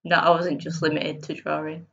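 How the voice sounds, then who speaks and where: A woman's voice: deep voice, monotone, moderate pace, vocal fry, a bit bright, lo-fi sound. A woman from Bradford with a West Yorkshire accent, chatting casually and self-deprecatingly as a podcast guest. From Bradford, northern England. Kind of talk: casual conversational interview.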